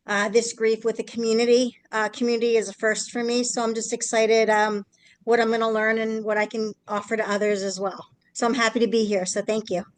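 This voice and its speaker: A woman introducing herself on a video call, soft-spoken and hesitant with fillers. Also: medium pitch, clear, resonant tone, rough recording. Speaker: workshop participant, author and former nurse.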